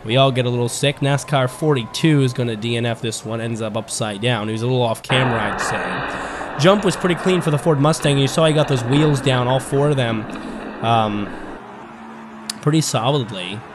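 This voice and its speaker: A man with a scratchy voice, still getting over being sick, commentating diecast car races, calmly explaining and then shouting when cars crash. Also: mid-range voice, normal speed. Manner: swings from calm explaining to excited shouting on crashes. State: scratchy voice from a recent illness. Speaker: race commentator.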